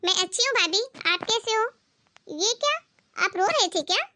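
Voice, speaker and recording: A woman voicing a caring, outspoken young married daughter who talks in a lively, direct and insistent way, in an amateur family skit. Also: very high voice, normal speed, pitched above the performer's own voice, exaggerated voice. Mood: cheerful.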